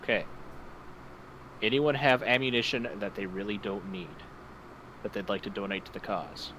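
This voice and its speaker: Low-voiced man planning game moves. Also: moderate pace, pushed and bright, a little hiss or hum, poor audio. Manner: methodical, plans out moves. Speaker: player. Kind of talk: tabletop game chat.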